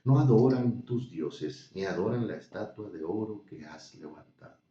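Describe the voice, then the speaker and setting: A man voicing envious, scheming male courtiers who accuse others before a king in a flattering, accusing tone. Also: lowish voice, normal speed, natural voice. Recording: dull, roomy, distant recording.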